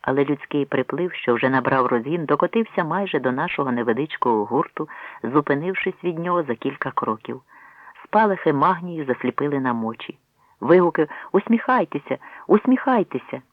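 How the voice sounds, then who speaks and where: A man's voice: a little fast, no echo. Man reading a story, tinny sound. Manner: voices characters by shifting pitch. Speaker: narrator. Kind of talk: audiobook reading with acted dialogue.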